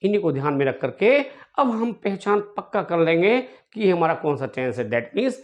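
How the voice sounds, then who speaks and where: A male English teacher giving an online grammar lesson, drilling words by repeating them slowly and addressing viewers fondly. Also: on the high side, sing-song, lo-fi sound.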